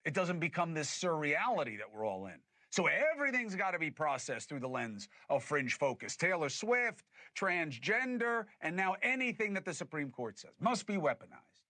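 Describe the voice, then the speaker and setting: Bright-voiced, emphatic male podcast host. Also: on the high side, normal speed, no room sound. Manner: emphatic and animated, with scornful laughs. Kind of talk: political commentary.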